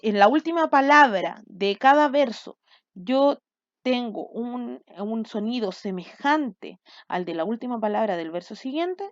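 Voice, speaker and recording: A woman's voice: a little high, no echo, dull audio. A woman from Chile teaching a class, explaining step by step and often checking with "¿cierto?" and "¿ya?". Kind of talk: recorded online class.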